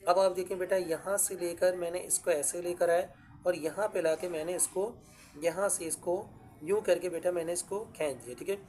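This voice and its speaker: A man's voice: sits high, steady tone, a little fast, dark tone. A male calligraphy teacher with an Urdu accent talks his students through each stroke. He is patient and repetitive, often stopping to say "look here, beta". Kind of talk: step-by-step handwriting lesson.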